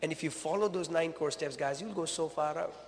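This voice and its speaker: A man giving a motivational business talk on stage, energetic and repetitive, calling the crowd "gang", in a large hall. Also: fairly high pitch, brisk, slight background noise.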